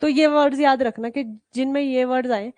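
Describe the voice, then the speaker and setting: A woman's voice: sits high, fairly even intonation, brisk, a little mellow, no echo. A woman teacher from India giving a live grammar lesson with an Indian accent, quizzing students and calling them "beta" as she explains spelling rules. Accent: Indian English. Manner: switches between Hindi and English terms, spells out rules.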